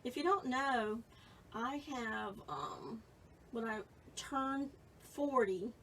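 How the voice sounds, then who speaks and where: A woman's voice: on the high side, takes it slowly, fairly bright tone, distant mic, a little hiss or hum, poor audio. A woman in her late fifties giving a casual, chatty painting lesson and reading viewer comments as she works. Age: 50s. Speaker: painting instructor. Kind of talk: live painting tutorial.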